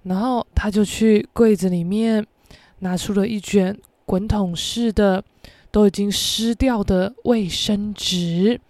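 A woman podcast host, telling a story in a casual, animated, profane way. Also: mid-range voice, takes it slowly, dry recording. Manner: animated, profane, acts out quoted voices.

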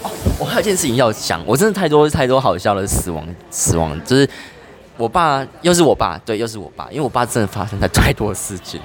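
Young man, podcast host, very quick talker, bouncy animated pitch, casual chat. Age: 20s. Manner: animated, fast storytelling with laughs.

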